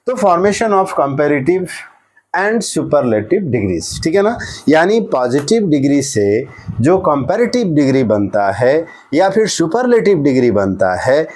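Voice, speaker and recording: Chatty man teaching grammar, fairly high voice. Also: a little mellow. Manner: repeats "ठीक है ना" often, asks and answers his own questions. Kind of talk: explaining a grammar lesson.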